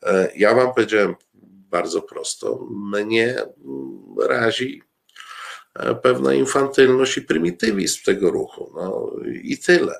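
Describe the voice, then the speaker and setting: A man giving political commentary to his audience, halting often with filler sounds and restarts, with an ironic edge. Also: mid-range voice, lively intonation, vocal fry. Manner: ironic, addresses the audience directly.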